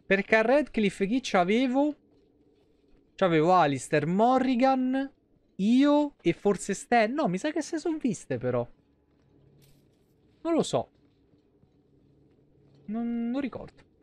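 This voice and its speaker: With a Roman Italian accent, this thirtysomething game streamer offers relaxed, slang-filled live commentary that wanders from point to point. He speaks in a very high, sing-song voice with a darkish tone, slowly and with frequent pauses, and there's no echo.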